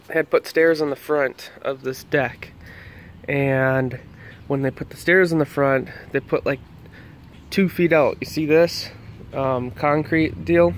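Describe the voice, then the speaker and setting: Guy walking around his backyard talking about his deck, kinda high voice, lots of ums. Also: a little hiss or hum. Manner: rambling, lots of ums and restarts; walking around outdoors while explaining. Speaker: homeowner vlogger. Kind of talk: casual walkthrough vlog. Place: backyard outdoors.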